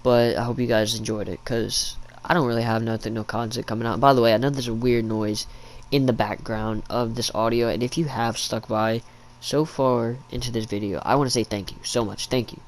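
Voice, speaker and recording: Young adult man, middle pitch, casual YouTube storytime, slangy, rambling, living-room recording. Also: fairly even intonation, brisk, slight background noise.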